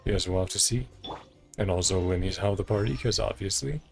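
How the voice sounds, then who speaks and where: A gamer muses about his own playthrough in brief, thought-aloud fragments over game music. He talks a little fast, in a low voice with vocal fry.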